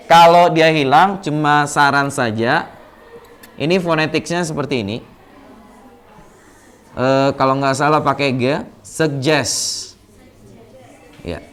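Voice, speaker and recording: A male English teacher with an Indonesian accent, explaining patiently in class and repeating words to drill pronunciation. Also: fairly high pitch. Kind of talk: classroom lesson.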